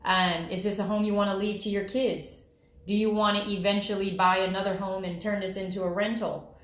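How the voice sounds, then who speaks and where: A woman's voice: mid-range voice, little pitch movement, fairly quick. A woman loan officer explaining the home loan process in a conversational way, often checking in with "okay?". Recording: roomy, echoey room.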